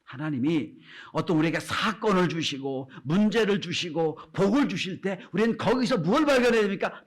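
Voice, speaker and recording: Preaching to his congregation, this pastor has a high, creaky voice. He frequently turns to address them, moving back and forth between loud calls and hushed whispers.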